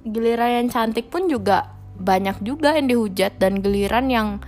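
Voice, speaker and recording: A young woman hosts her own podcast solo, chatting casually and frankly in slang and slipping in English phrases. Her voice is a little high and darkish, her pace normal, with soft music playing behind her.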